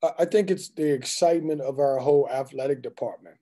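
A man's voice: medium pitch, brisk, warm tone. A man in his forties, a head basketball coach, answering reporters' questions at a postgame press conference over a video call, candid and joking. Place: indoors in front of a team backdrop. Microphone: video call webcam.

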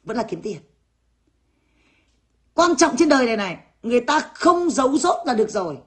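A brash woman, delivering a blunt, foul-mouthed rant straight to her viewers. Her voice sits a little higher than most women's, and her talk is rough and unfiltered. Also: very animated, moderate pace. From Vietnam. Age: 30s. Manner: blunt, brash, swears freely. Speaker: vlogger. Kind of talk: ranting monologue to viewers.

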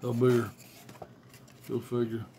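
Holding his phone at arm's length in a small bedroom, a middle-aged vlogger shows off his cassette collection in a casual, rambling way, blunt, offhand and profane. His mid-range voice is completely flat, slow and mellow, with slight background noise.

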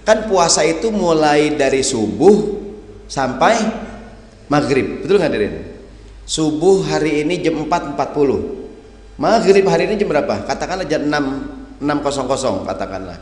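A man preaches a sermon with lively humor and speaks in a fairly high voice. He keeps turning to the audience and acting out the people who question him. His voice rings through a roomy hall with a long echo. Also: moderate pace. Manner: animated, acts out questioners, addresses audience as hadirin. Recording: echoey hall with long reverb.

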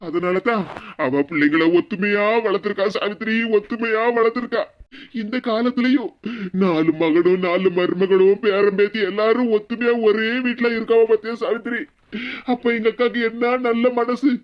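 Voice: medium pitch, moderate pace, lo-fi sound, lightly acted. A voice actor doing a weepy remorseful cartoon husband. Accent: Kanyakumari Tamil. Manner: lamenting, repeats phrases mournfully. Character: remorseful middle-aged husband and father, weepy. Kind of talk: cartoon comedy voice acting.

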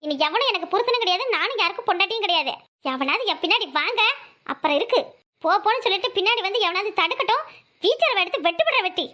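A woman's voice: extremely high pitch, animated, quick pace, pushed and bright, heavily acted. A woman with a Tirunelveli Tamil accent voicing a hurt young wife who reproaches and pleads with her husband in a cartoon. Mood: defiant. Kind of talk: cartoon voice acting.

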